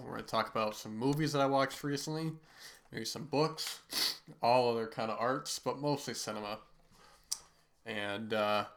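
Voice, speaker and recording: A man's voice: mid-range voice, a bit bright. A man with a congested, nasal, stuffy-nosed voice from a cold, hosting a casual, rambling, laid-back talk about movies. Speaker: host of a weekly movie talk show.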